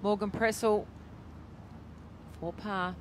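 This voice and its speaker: A woman's voice: medium pitch, level tone, slow pace. A woman giving live television golf commentary, reacting to play with descriptive analysis. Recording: noisy outdoor broadcast sound. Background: outdoor tournament ambience.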